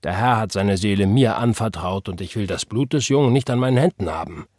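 A man's voice: on the low side, brisk, darkish tone, no room sound, clean studio sound, lightly acted. A man doing a stern, severe preacher. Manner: stern, grave.

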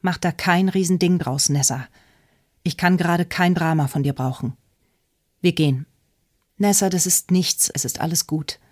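A woman's voice: fairly low pitch, moderate pace, long pauses, a little mellow, natural voice. A woman reads the part of a frightened young mother who defensively sends her sister away. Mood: defensive tearful. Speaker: audiobook character.

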